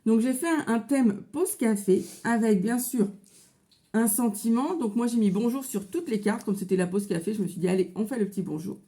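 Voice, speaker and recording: A woman with a mellow, slightly high voice and a French accent chats through a craft tutorial. She talks casually, with plenty of fillers, recorded in a home office. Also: fairly quick. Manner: chatty, with frequent fillers. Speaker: crafting vlogger.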